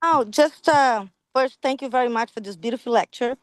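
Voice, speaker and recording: A woman who teaches school, sharing her thoughts in a class in an earnest, halting way. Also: a little high, no room sound. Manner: grateful, earnest, halting with fillers.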